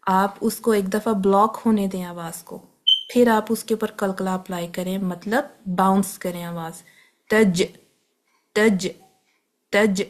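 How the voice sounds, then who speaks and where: A woman teaching tajweed, patiently explaining where letters are formed and repeating each sound slowly, with English words mixed in. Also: medium pitch. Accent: Pakistani Urdu. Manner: patient, step-by-step instruction mixing in English terms. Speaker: Quran recitation teacher.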